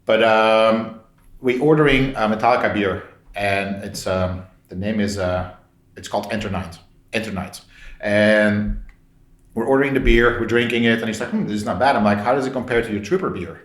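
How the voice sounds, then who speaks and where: In an echoey, roomy recording, a man from Belgium shares casual anecdotes as a podcast guest, re-enacting dialogue with plenty of "like". His voice is fairly low and his pace normal.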